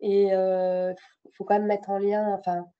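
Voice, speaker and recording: A woman's voice: mid-range voice, flat delivery, a little slow. A woman presenter speaking casually in a webinar, with many murmured agreements. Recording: slightly dull video-call audio.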